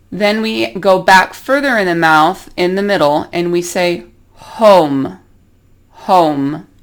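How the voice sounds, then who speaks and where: Slow, careful American woman teaching vowels. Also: mid-range voice. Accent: American English. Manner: slow, careful, demonstrates sounds. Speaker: English teacher. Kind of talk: pronunciation lesson.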